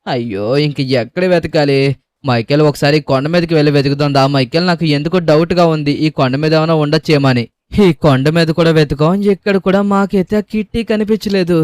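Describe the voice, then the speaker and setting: Excitable young man narrating a game. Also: fairly high pitch, clean tone, dry recording. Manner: excitable, dramatic shouting and groaning. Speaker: gaming channel host. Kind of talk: game voiceover commentary in character.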